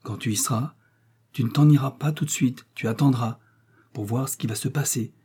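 Male reader doing anxious older innkeeper's wife, pleading, mellow and husky. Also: mid-range voice, moderate pace. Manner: fretful, pleading. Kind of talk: audiobook character reading.

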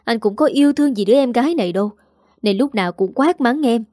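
A woman's voice: fairly high pitch, lively intonation, fast, dark tone, dry recording, studio quality, lightly acted. A woman voicing a spoiled young woman who whines and sulks at her brother. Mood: whining. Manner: whining, sulky. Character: whiny spoiled young sister.

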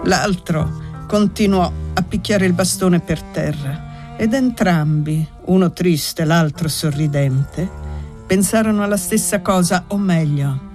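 A reader narrating a classic novel as an audiobook in a steady literary manner. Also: medium pitch, takes it slowly, soft background music.

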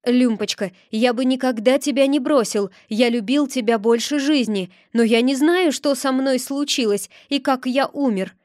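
A woman's voice: high-pitched, normal speed, few pauses, darkish tone, dry recording, clean studio sound, lightly acted. A woman voicing a tender young male ghost. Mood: earnest. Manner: earnest, emotional, pleading.

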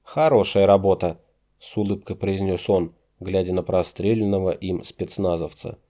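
Male audiobook narrator, low and mellow, measured and dramatic. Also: flat delivery. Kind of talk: scripted narration.

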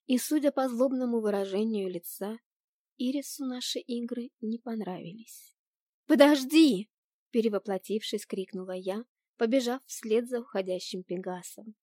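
Woman narrating a fantasy audiobook, mellow voice. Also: on the high side, moderate pace, dry recording, studio quality. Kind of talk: first-person storybook narration.

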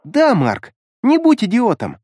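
A man's voice: sits high, lively intonation, a little slow, darkish tone, no room sound, pitched above the performer's own voice. A man voicing an eerie little girl who taunts in a sweet, childish sing-song in an audiobook. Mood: taunting. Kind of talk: audiobook character voice.

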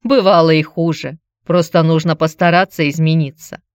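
A woman's voice: low voice, steady tone, moderate pace, clear, resonant tone, no room sound, clean studio sound, close to an everyday voice. Brief: storybook figure, reserved grown man, short hesitant replies, a woman narrator doing him. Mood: terse. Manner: terse, hesitant. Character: awkward, restrained ex-husband, grown man.

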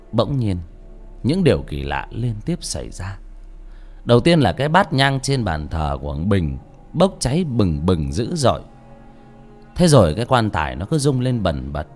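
A man narrating a ghost story in a dramatic, suspenseful way. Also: fairly low pitch. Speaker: audiobook narrator.

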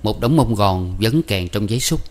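A man narrating a story in a calm, even way. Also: on the low side, moderate pace. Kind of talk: audiobook narration.

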